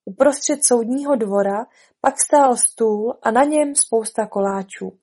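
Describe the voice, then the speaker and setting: A woman reads a storybook aloud, calm and expressive. Her voice sits fairly high and sounds soft and breathy, with a warm, mellow tone. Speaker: narrator. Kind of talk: storybook narration.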